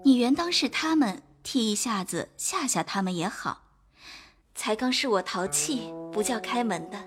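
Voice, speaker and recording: A woman playing a gentle, forbearing young head maid in an audio drama, speaking softly and patiently. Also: fairly high pitch, expressive, fast, soft background music.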